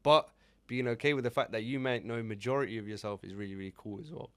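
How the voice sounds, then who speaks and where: In a dry recording, this man in his 20s talks fast in a medium-pitched, slightly bright voice. As a podcast co-host he gives sincere, thoughtful advice in a casual chat, with fillers such as "you know."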